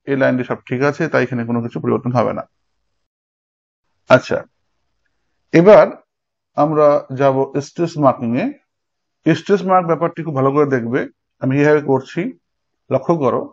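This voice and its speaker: A man's voice: mid-range voice, fairly quick, vocal fry, long pauses. A man teaching an exam-prep lecture, explaining step by step and speaking straight to his students. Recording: dull lo-fi recording.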